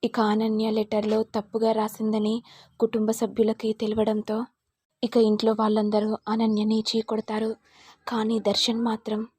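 Husky woman recapping a serial. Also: on the high side, a little mellow, no room sound. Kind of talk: storytelling recap.

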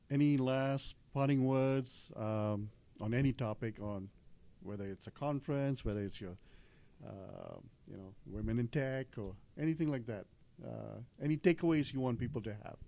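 A man's voice: mid-range voice, animated, moderate pace, vocal fry, mellow. A man moderating a discussion panel, encouraging and affirming, speaking into a handheld mic. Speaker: host. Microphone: handheld microphone.

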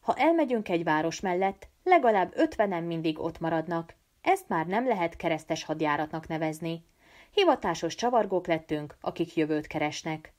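A woman's voice: lowish voice, lively intonation, a little mellow, lightly acted. A woman voicing a clever, serious teenage boy who leads a band of children, curt and matter-of-fact. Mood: earnest.

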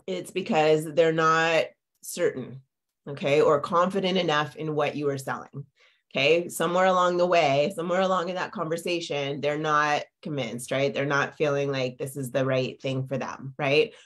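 A woman in her forties, a business coach, talks live over a webcam video call from her home office, sounding a little congested and fighting a lingering cough. Her live-streamed coaching talk is chatty, packed with fillers and tag questions, delivered in a low voice at a moderate pace.

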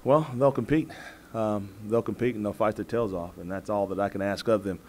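This is a college football head coach, an American man in his forties, giving postgame press conference answers at a table with several press microphones, in an indoor press room before a backdrop. His fairly low-pitched delivery is measured and halting, with words repeated, over slight background noise.

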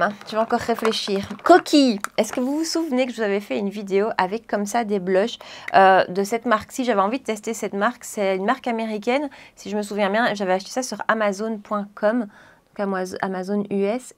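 A woman's voice: medium pitch, a little mellow. A woman beauty vlogger chatting casually to camera, gushing and chatty, with frequent fillers.

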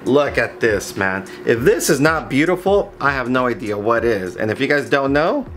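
A man's voice: medium pitch, animated, normal speed, fairly bright tone. A man in his thirties or forties talking casually and enthusiastically to viewers as he presents animals, with slangy superlatives. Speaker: snake breeder presenting his collection. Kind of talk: casual video showcase to viewers. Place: small indoor reptile rack room. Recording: noisy room ambience.

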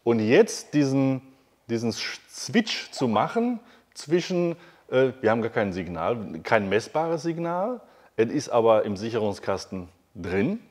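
A chatty man hosts a relaxed interview, standing beside a motorhome in a big workshop hall. He talks eagerly, restarts his sentences and fills the gaps with little sounds, at a medium pitch. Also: unhurried. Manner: chatty, enthusiastic, many fillers and restarts. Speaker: host. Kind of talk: casual interview.

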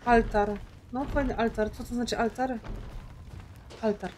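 Woman, game streamer, chatty and lost, slow delivery. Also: fairly high pitch, steady tone, a little hiss or hum. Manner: chatty, confused, talks to viewers and herself. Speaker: gaming streamer. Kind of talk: casual let's play commentary.

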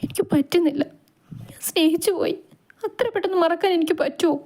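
A woman's voice: very high voice, fast, dark tone, pitched above the performer's own voice. A woman doing a weeping, heartbroken young woman. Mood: tearful. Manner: broken, tearful pleading. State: crying.

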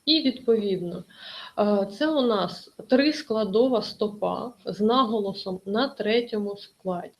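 A woman's voice: medium pitch, measured pace, lo-fi sound. A woman teaching an online exam-prep lesson, explaining carefully with many hesitations.

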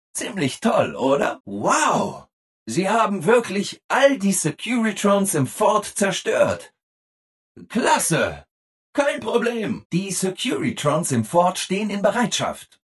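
A man voicing a relentlessly cheerful, eager-to-please robot assistant in a video game, over-polite and exaggeratedly upbeat, with a husky voice. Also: high-pitched, sing-song, takes it slowly, exaggerated voice. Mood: gushing, upbeat.

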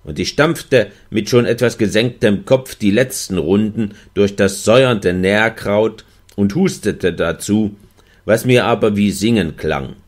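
A man giving a measured, expressive first-person reading of a literary novel as an audiobook. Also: on the low side. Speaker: audiobook reader.

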